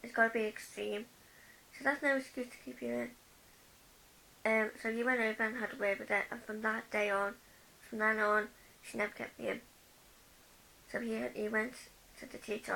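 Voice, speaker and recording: A woman's voice: on the high side, flat delivery, moderate pace, creaky, long pauses, pushed and bright, rough recording. A young woman from the UK vlogging a tag video, chatting as she reads each question aloud and answers it with personal stories.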